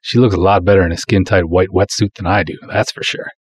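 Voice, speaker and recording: Here a man delivers dramatic first-person pulp narration as a folksy, proud small-town cop, confident and casual, cracking wise in a breezy, colloquial, hard-boiled manner. His low voice is slightly rough and steady in tone, moving at a quick pace.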